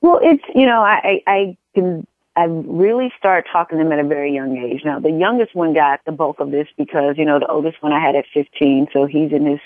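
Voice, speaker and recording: Her voice is deep and brisk, coming through a tinny phone connection with no echo. A guest in a casual interview, this empowerment coach in her forties talks earnestly and repeats phrases to drive points home.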